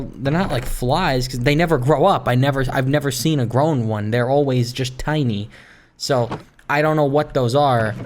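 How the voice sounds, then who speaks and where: Slight background noise sits under a mid-range, somewhat mellow voice as a gaming video host chats through a rambling Minecraft let's-play. The commentary is casual and musing, with plenty of grumbling over little gripes.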